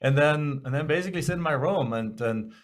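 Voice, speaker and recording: A man's voice: fairly high pitch, fairly quick. German-accented middle-aged man telling stories. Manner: rambling, self-correcting, candid. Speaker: guest. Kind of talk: casual storytelling interview.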